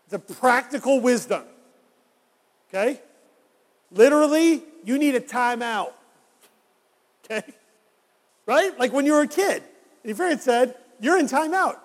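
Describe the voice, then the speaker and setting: A man's voice: very high-pitched, animated, a little slow, long pauses, in a large hall. A man preaching a sermon as a pastor, talking conversationally and putting rhetorical questions to his congregation.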